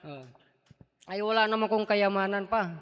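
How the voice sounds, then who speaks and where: A middle-aged Filipino man giving an emotional personal testimony in church, halting at times and rising as he praises God. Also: high-pitched, fairly bright tone, smooth. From Philippines. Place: large church hall. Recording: long hall reverb.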